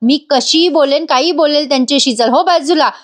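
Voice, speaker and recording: A woman's voice: high voice, fairly quick, pitched above the performer's own voice, natural voice. A woman voicing an angry young woman who taunts and scolds a rival to throw her out of the house. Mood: angry taunting.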